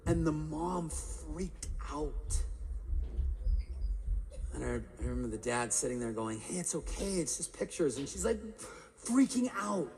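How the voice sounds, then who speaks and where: Animated man speaking in a big hall. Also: medium pitch. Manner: animated, quizzes the crowd with questions. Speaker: motivational speaker. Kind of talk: live keynote talk to an audience. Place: large conference hall. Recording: live hall with long reverb.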